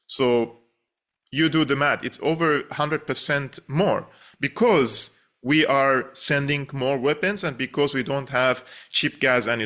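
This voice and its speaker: A young man from Syria talks in a political interview with a bright, tense voice. His delivery is earnest and emphatic, pressing each point hard. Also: medium pitch. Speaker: interview guest, journalist.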